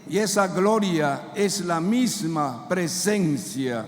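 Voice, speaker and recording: Male pastor, fervent sermon, unhurried delivery, long church reverb. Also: high voice, animated. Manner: fervent preaching with call-and-response to the congregation. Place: church sanctuary.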